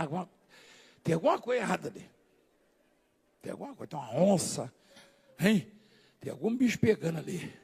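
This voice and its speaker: Raspy, gravelly Brazilian preacher man, very high. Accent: Brazilian Portuguese. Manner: jokes with the congregation, swings from low asides to shouting. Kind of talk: live church sermon. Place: large church hall.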